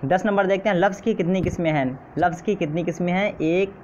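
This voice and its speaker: A man's voice: high voice, quick pace, a little mellow. A man teaching an exam-prep lesson who goes through quiz answers, repeats each question and keeps checking in with his listeners. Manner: repeats questions and says "theek hai" often. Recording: slightly dull, faint noise.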